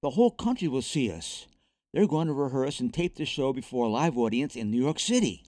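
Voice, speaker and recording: Man doing eager young boy, excitable, pleading, lively storybook voice. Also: mid-range voice, fairly quick, no room sound, clean studio sound, close to an everyday voice. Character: excited young boy who performs with his dog.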